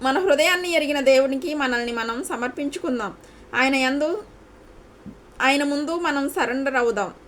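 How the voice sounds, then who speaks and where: A woman from India delivers a devotional sermon in a high, light voice. She speaks earnestly and circles back to the same questions again and again to drive her point home. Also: moderate pace, fairly bright tone, slight background noise. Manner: earnest, repeats questions for emphasis. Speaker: preacher.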